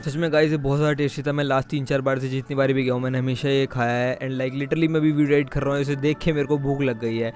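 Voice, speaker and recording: A man's voice: medium pitch, steady tone, fast, hardly any pauses, darkish tone, faint music behind. A young man narrating his vlog in a chatty, storytelling voice-over. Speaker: vlogger.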